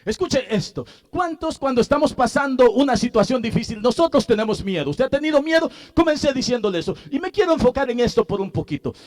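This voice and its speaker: A man's voice: very high voice, very animated, fast, few pauses. A male pastor preaching a sermon, asking the congregation questions and repeating verses. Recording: long hall reverb.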